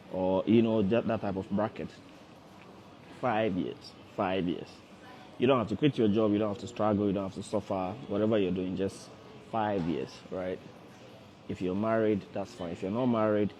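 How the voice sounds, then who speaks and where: Here a man in his thirties, fairly low-pitched and warm, runs a casual motivational livestream as a forex trader. He says things more than once and coaxes the people watching directly.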